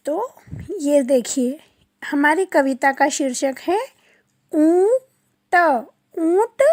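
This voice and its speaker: In this online lesson, a high-voiced woman who teaches primary school speaks slowly, stretching every syllable as she pronounces it. She poses questions to her class only to answer them herself, and the studio-quality recording has no echo.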